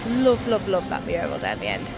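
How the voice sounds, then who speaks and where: A woman's voice: on the low side, huge pitch swings, moderate pace, loud music behind the voice. A woman filming a casual family vlog, chatting upbeat about breakfast with her kids in a large diner. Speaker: family vlogger and mother.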